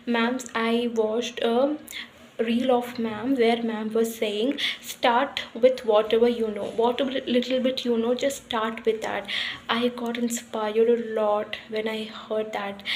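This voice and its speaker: A woman's voice: fairly high pitch, slight background noise, rough recording. A young woman with an Indian English accent gives a casual spoken lesson on learning English, talking earnestly and often restarting her phrases. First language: Hindi.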